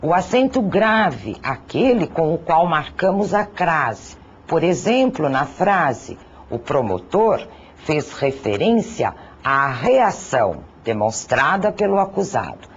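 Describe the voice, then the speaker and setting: A teacher reads a grammar lesson at an unhurried crawl, dwelling on each example word and sounding out its syllables. The voice is husky and airy, with a lively, swooping melody. It comes through a muffled, lo-fi recording. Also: mid-range voice. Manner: slow, deliberate, spells out syllables and lists examples. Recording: dull lo-fi recording.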